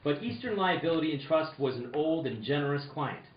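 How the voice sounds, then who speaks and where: A man with a fairly high, animated voice reads briskly and with a light touch of acting, playing an earnest, hard-boiled insurance investigator in an old-time radio detective drama. His delivery is theatrical and stumbles a little as he narrates wryly. The recording is distant, roomy, and dull, with some noise.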